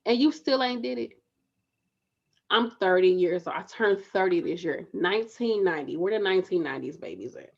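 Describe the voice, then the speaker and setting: A woman's voice: on the low side, expressive, moderate pace, creaky, dull audio. Emphatic woman in her thirties, urging viewers. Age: 30s. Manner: emphatic, repeats lines to urge viewers on; casual, talks straight to viewers. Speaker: spiritual vlogger. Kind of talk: motivational direct-to-camera talk.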